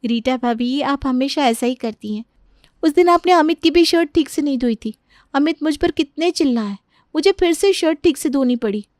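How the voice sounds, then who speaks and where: An earnest young daughter-in-law from a cartoon story, as a woman plays her, with a fairly high voice. She protests in pleading, indignant questions. The recording is close and dry. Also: lively intonation, normal speed, darkish tone, no echo.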